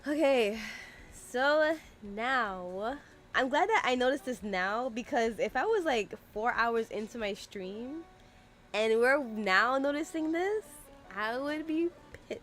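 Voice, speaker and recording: A woman's voice: on the high side, expressive, slow pace, fairly bright tone, faint music behind. A young woman streaming a game from her room, chatting on a desk microphone in a chatty, exasperated way, full of "like" fillers. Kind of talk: casual livestream chat. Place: room at home.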